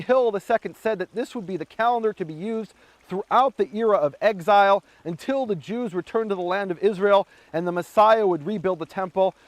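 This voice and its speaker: Teaching on history and the Bible, a man works as an animated storyteller, loudly performing the quotes of the people in his tales. His voice is fairly high, captured up close in a dry recording without any room reverb.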